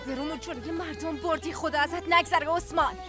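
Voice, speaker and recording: A woman's voice: sits high, music in the background, lightly acted. A woman dubbing an exasperated young village woman who scolds her fiancé in a TV drama. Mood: scolding. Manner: scolding, sharp-tongued. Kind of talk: dubbed TV drama.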